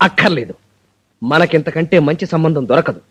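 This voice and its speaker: An actor playing a bossy, impatient middle-aged groom in a film comedy. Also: male voice, on the high side, fairly quick, fairly bright tone, breathy edge, dry recording. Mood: pushy. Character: scheming eager middle-aged male groom, pushy and bossy.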